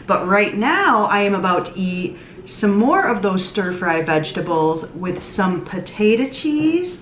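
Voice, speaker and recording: A woman's voice: mid-range voice, a little hiss or hum. Chatty woman food vlogger, echoey kitchen. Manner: chatty, laughs often. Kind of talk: casual food vlog narration.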